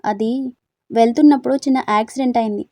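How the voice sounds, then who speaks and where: A woman's voice: on the high side, fast, a little mellow, no room sound, studio quality, natural voice. A woman voicing a timid young woman student who speaks hesitantly and sadly about her confused feelings, in a storybook reading. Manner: hesitant and unsure.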